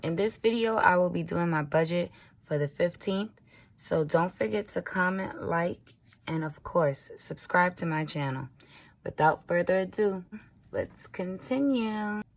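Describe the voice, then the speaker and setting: Raspy, low-pitched woman vlogger. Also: a little slow. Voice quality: raspy early-morning voice. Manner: informal, chatty, talking as she writes. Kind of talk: casual budgeting vlog narration.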